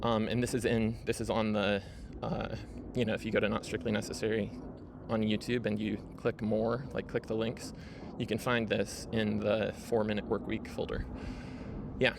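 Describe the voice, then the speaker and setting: Over a noisy background, a male video host walks his audience through his screen in a relaxed way. His voice sits low with vocal fry and little pitch variation, moving at a moderate pace, and he fills it with "right?" tags and fillers.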